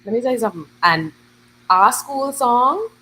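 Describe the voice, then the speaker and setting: A Bahamian woman in her thirties, a guest musician, chatting in an interview and telling her stories in lively local slang. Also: on the high side, normal speed, a little hiss or hum, low-quality recording. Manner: animated storytelling, lively dialect slang. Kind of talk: casual interview chat.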